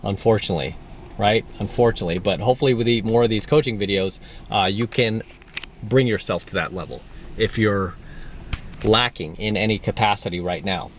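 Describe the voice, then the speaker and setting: A man's voice: fairly low pitch, fairly quick, a little hiss or hum. Guy coaching on dating, blunt, emphatic, keeps repeating his points. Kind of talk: monologue coaching video.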